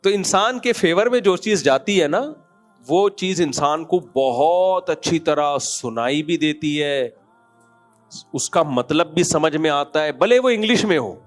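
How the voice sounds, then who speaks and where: Animated male scholar telling humorous anecdotes. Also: on the high side, unhurried, soft background music. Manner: animated storytelling, acts out quoted voices. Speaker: Islamic scholar giving a talk. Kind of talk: religious talk with humorous anecdotes.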